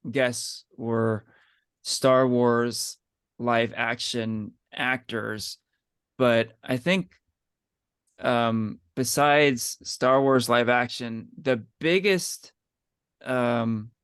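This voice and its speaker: A man's voice: medium pitch, steady tone, fairly bright tone, clean tone, dry recording, studio quality. A man co-hosting a podcast, speaking in a casual, hesitant way. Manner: slow, hesitant, with fillers. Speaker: podcast co-host. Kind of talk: casual chat.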